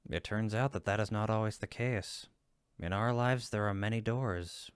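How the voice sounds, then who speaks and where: In a one-sided comfort roleplay, a man plays a friendly cupid roommate, teasing yet supportive, with an emphatic, reassuring delivery. His natural voice is lowish, clear and resonant, at a moderate pace, captured in studio quality with no echo.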